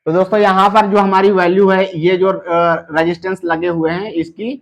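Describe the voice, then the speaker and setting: A man walks through a circuit repair lesson in a fairly high voice. He talks in a patient, step-by-step tutorial manner, filling pauses with short check-ins to the viewer. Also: level tone, muffled recording. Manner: explains slowly, filling gaps with "theek hai" and "doston". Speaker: electronics repair teacher.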